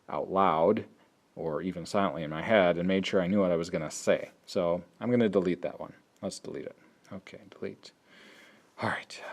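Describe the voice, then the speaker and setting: A man's voice: low voice, a little mellow. A man explaining an app step by step in a tutorial, thinking aloud as he works. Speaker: teacher. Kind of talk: screen-recorded app tutorial.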